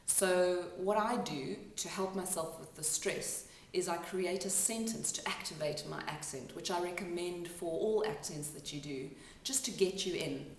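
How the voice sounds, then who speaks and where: A woman who works as an accent coach gives a spoken lesson, explaining sounds step by step and pausing to demonstrate them. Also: fairly low pitch, slight background noise. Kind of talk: instructional talk to camera. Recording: echoey room, mic at a distance.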